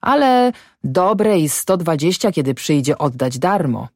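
A woman's voice: deep voice, big pitch swings, measured pace, no room sound, clean studio sound, exaggerated voice. Woman voicing a wary old peasant farmer. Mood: suspicious muttering. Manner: rustic dialect, muttering and grumbling. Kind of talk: audiobook character voice.

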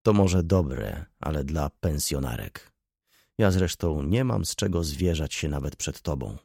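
A weary middle-aged merchant, secretive and curt, brushing questions aside, as a man reads him in an audiobook. The voice is low and gravelly with a husky edge, and the pitch swings widely. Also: lively intonation, unhurried, warm tone, no room sound, studio quality, exaggerated voice. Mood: dismissive. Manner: curt, evasive, tired.

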